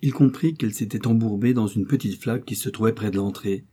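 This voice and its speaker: Brief: male audiobook narrator, low, husky, measured storytelling. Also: warm tone. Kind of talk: scripted literary narration.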